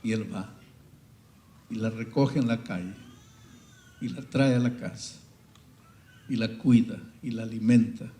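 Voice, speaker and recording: A man preaching a sermon, telling a story with sudden swings from hushed, quiet passages to loud, soaring cries. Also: lowish voice, a little slow, long pauses, reverberant.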